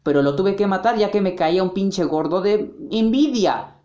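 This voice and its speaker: A woman with a Mexican accent doing a crude, playful, slangy amateur parody dub of animated films. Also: medium pitch, moderate pace, highs cut off. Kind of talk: improvised amateur parody dub of animated film clips, all roles by one voice. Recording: roomy, echoing home recording.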